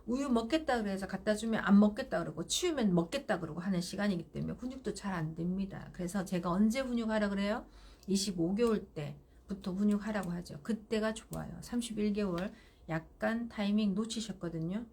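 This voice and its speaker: A middle-aged woman giving parenting advice on a live stream, firm and animated, acting out what mother and child say. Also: medium pitch, fairly quick, breathy edge. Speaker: parenting counselor.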